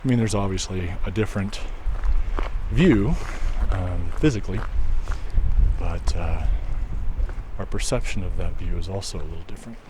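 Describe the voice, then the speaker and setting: A man walking a snowy trail outdoors and chatting casually to his viewers, relaxed and musing, with a mic on the camera. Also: deep voice, normal speed. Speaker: walking video host. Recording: outdoor recording with stream noise.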